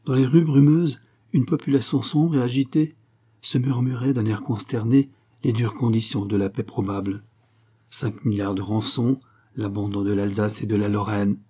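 Male audiobook narrator, measured and steady, dark husky timbre. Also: on the low side. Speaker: audiobook reader. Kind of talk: scripted narration of a novel.

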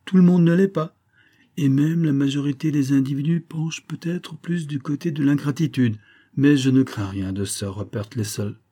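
Man playing scheming middle-aged major, pompous, theatrical, mock-tender, husky, dark voice, audiobook. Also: medium pitch, moderate pace, voice pushed up, close to an everyday voice.

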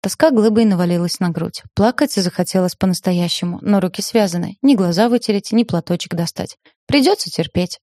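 A woman reads a first-person novel aloud with a dry, ironic edge. Her voice is lowish and mellow, set close to the mic in a dead, dry space. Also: a little fast, hardly any pauses, dry recording. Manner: wry, ironic storytelling. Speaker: audiobook narrator. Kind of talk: first-person audiobook narration.

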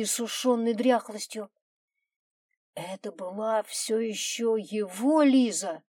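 A woman narrating an audiobook story in a soft, measured way. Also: mid-range voice, dry recording, clean studio sound.

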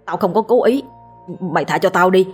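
A woman acting out a foul-mouthed drunk of a man from a spoken ghost story, rough and boastful, who stammers and repeats himself when cornered. His voice sits a touch lower than her own, over faint music. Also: normal speed. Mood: panicked. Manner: crude, stammering when scared. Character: drunken middle-aged man, crude, blustering, cowardly.

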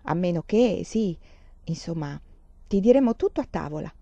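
A woman's voice: lowish voice, animated, normal speed, mellow, no room sound, dull audio. A woman reading aloud and voicing a hesitant middle-aged mother who falters and hedges.

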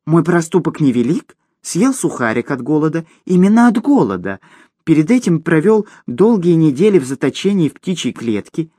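A man voicing a tiny boastful male gnome who talks in a high, squeaky, whining voice. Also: sing-song, normal speed, warm tone, no room sound, studio quality. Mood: pleading. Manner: high squeaky wailing, melodramatic.

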